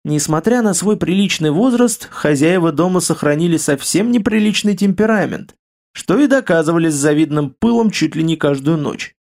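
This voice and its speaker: Male audiobook narrator, somewhat high voice. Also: animated, normal speed, creaky, a little mellow.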